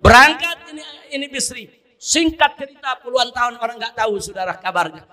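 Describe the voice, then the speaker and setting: A man preaching a sermon, telling a story with fervor and rising to impassioned shouts in quoted prayers. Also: extremely high pitch, expressive, brisk.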